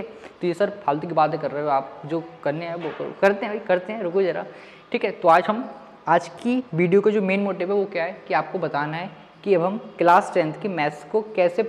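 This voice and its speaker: Here a male maths teacher with a high-pitched voice holds an informal online class, talking directly to his pupils in a chatty way and weaving English terms into his speech. The audio is dull and has a long reverb.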